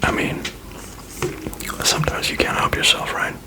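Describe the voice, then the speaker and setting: Male ASMR reader. Sustained breathy whisper throughout, informal, reading text aloud with offhand comments. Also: normal speed.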